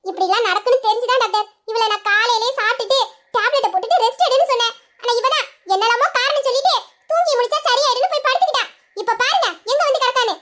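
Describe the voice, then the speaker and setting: A woman's voice: very high voice, rapid-fire, a bit bright, slight background noise. A woman voicing a chatty young woman, the patient's caring friend, in an audio drama, retelling events animatedly. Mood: amused.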